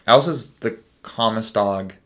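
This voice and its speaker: A man's voice: lowish voice, slow, a bit bright. A young man chatting casually as co-host, laid-back and plain-spoken. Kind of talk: casual chat.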